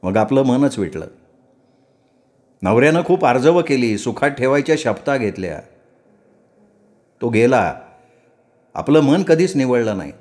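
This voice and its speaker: A middle-aged male storyteller giving a measured, expressive story narration. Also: medium pitch. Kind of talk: Marathi story reading.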